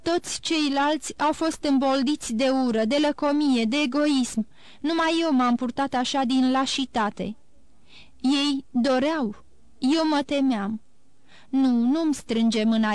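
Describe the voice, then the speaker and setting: A woman's voice: high voice, a little mellow, clear, resonant tone, no echo, lightly acted. A woman voicing a grieving, guilt-ridden woman near forty who pleads sorrowfully and blames herself, read from an audiobook. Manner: sorrowful, self-reproaching pleading. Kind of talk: audiobook character reading.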